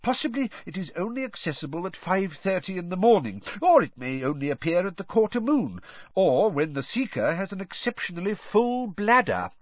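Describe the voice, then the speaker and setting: A man's voice: high-pitched, very animated, moderate pace, dry recording, lo-fi sound, pitched above the performer's own voice. A man voicing a genial old male wizard headmaster who talks in an amiable, playful, rambling way.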